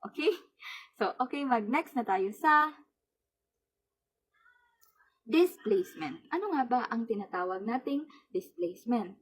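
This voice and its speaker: Young female reviewer, slightly breathy voice, code-switching study lesson, checks in with listeners. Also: a little high, expressive, moderate pace, a bit bright, poor audio. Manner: switches between Tagalog and English, keeps checking in with "okay?". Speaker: registered social worker reviewing for board exam. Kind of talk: board exam review lesson.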